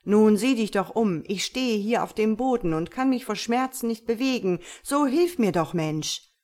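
A woman voicing a proud male djinn in tiger form, loud and solemn with a slow, commanding delivery in a storybook reading. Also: medium pitch, animated, lightly acted. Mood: pleading.

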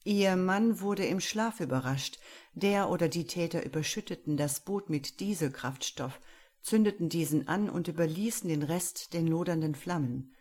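A woman's voice: lowish voice, moderate pace, a little mellow, close to an everyday voice. Woman reading a businesslike police commissioner. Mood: firm.

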